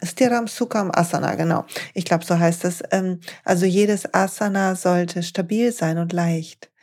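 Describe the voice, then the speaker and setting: A woman hosting a podcast, talking eagerly about yoga and slowing down to guide listeners through breathing exercises. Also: fairly low pitch, a little mellow. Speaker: podcast host and yoga teacher.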